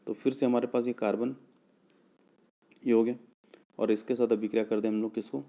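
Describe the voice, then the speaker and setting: Low, mellow-voiced man teaching chemistry. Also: flat delivery, fairly quick. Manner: explains step by step, often asks and answers his own questions; checks understanding with "clear?" and "okay". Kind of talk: exam-prep chemistry lesson.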